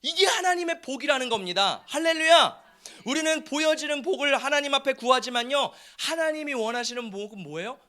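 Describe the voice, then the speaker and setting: A man's voice: extremely high pitch, lively intonation, brisk, pushed and bright. A man preaching a sermon as pastor, asking the congregation questions as he goes.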